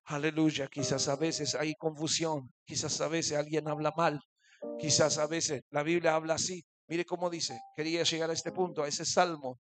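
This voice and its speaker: High-voiced Rioplatense Spanish pastor preaching. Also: male voice, level tone, normal speed, faint music behind. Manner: preaching with frequent "aleluya" and "amén" calls to the congregation; humorous asides, acting out little voices in stories. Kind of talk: sermon.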